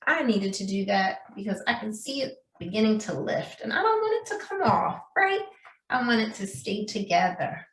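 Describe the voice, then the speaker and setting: A woman of medium pitch and moderate pace gives a craft demonstration to young children in a sing-song manner, with a little hiss or hum on the audio. The preschool teacher addresses them as friends and checks in often, recorded at a distance in an echoey room.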